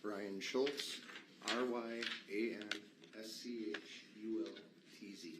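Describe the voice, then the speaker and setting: A man's voice: fairly low pitch, fairly even intonation, slow pace. A man giving formal testimony as a witness, explaining his work in a matter-of-fact way. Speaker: witness, state patrol vehicle inspector. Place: courtroom. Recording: echoey courtroom, faint noise.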